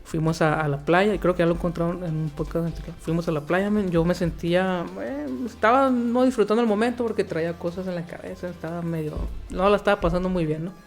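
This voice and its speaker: Friendly host, chatty storyteller, faint music behind. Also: male voice, high-pitched, fairly even intonation, fast, few pauses. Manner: friendly, chatty, says "men" and "fíjate". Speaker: podcast host. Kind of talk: casual interview talk.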